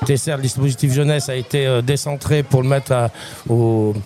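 A man's voice: medium pitch, steady tone, normal speed, mellow, faint music behind. A middle-aged man with a Grenoble-area accent, a local resident chatting casually in an outdoor interview, talkative and often searching for words. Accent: Grenoble area (Grésivaudan). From Grenoble, France. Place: outdoors at a neighborhood festival.

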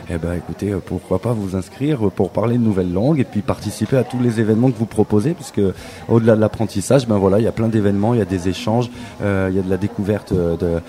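Man, radio host, low voice, very mellow, easygoing chat. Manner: relaxed, chatty, many fillers. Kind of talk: live radio interview. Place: association forum event.

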